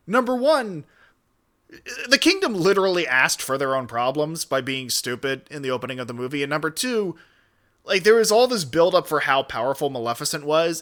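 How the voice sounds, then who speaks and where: A streamer reacts to a video with casual, opinionated commentary, speaking emphatically, drifting into digressions and swearing often. His voice is a little high, bright and forceful.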